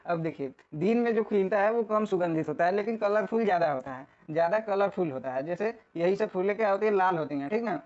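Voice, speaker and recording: Guy with a high voice explaining stuff to students, keeps saying little check-in words, kinda dull lo-fi sound. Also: lively intonation, quick pace, few pauses, a little mellow. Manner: repetitive, checks in often with filler tags. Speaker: teacher. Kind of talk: casual classroom explanation.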